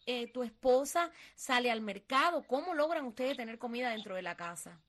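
A woman interviewer with a high voice asks her questions in a sympathetic, exclaiming way. She speaks in clear, plain phrases. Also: expressive, normal speed, fairly bright tone.

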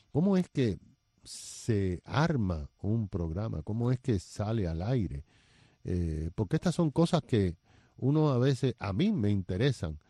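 An older man hosting a radio interview show, talking slowly with many fillers and pauses. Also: fairly low pitch, dark tone, no echo. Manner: slow, hesitant, with many fillers.

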